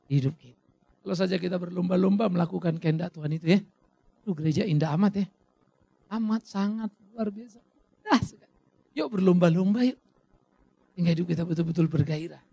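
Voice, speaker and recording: A middle-aged male pastor delivering a lively, theatrical sermon, acting out little dialogues with sudden loud bursts. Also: high voice, fast, vocal fry, pauses often, slightly rough, no room sound.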